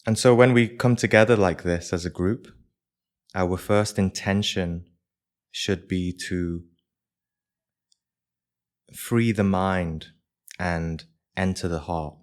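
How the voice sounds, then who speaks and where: Leading a group through a live guided meditation, this male teacher delivers short, measured phrases with pauses in between. He has a low voice and fairly even intonation.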